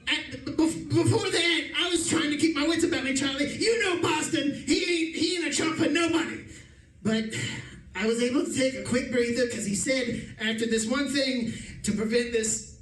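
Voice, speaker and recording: In a very high, fairly bright voice, a man plays an exasperated, boastful 1940s-style radio detective, a dramatically rattled time traveler who rants theatrically and emphatically about his misadventures in a comedic drama. It's a live stage performance in an echoey room, captured with a distant mic and faint noise.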